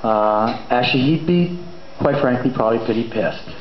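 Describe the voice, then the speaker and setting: A man's voice: mid-range voice, normal speed. A middle-aged man giving a eulogy in an informal, conversational and hesitant way, with rambling asides. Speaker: son of the deceased giving a eulogy. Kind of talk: informal eulogy at a memorial gathering. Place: large indoor memorial venue. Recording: echoey room, muffled, faint background noise.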